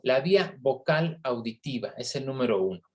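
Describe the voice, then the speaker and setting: Male lecturer, mid-pitched, explanatory, online class. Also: animated, normal speed, darkish tone, breathy edge. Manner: explanatory, with frequent tag questions. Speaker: university lecturer.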